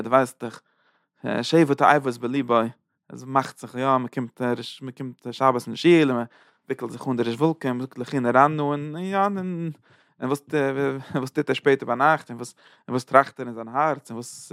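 A man's voice: medium pitch, vocal fry, fairly bright tone, no echo, clean studio sound. A man giving a Torah sermon, chanting verses in a sing-song and repeating phrases for emphasis. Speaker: preacher giving a Torah talk.

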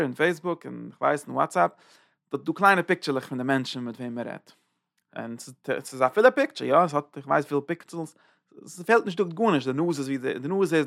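A man's voice: on the high side, gravelly, a bit bright, dry recording, clean studio sound. A man teaching a Torah lecture, thinking aloud and searching for words as he explains. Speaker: religious teacher.

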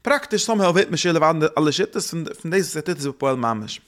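Halting man teaching. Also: fairly high pitch, expressive, fairly bright tone. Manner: halting, repeats and restarts phrases, thinks aloud. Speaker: religious teacher. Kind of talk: religious lesson.

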